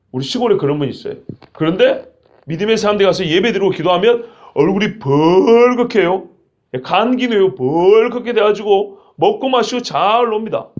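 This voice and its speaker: Man, pastor, sermon, high swooping voice, sudden dramatic shouts, muffled lo-fi sound. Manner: animated preaching, acts out quoted lines with sudden shouts. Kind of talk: expository sermon.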